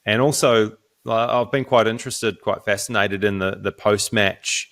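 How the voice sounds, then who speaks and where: A man, co-hosting a casual sports podcast, talking in halting runs with frequent restarts. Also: fairly low pitch, fairly even intonation, a bit bright. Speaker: podcast co-host.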